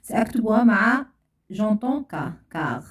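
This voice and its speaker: A woman's voice: medium pitch, animated, a little slow. A woman teaching a French lesson, patiently repeating and spelling out sounds for pupils. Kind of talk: classroom lesson. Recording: echoey room, voice far from mic.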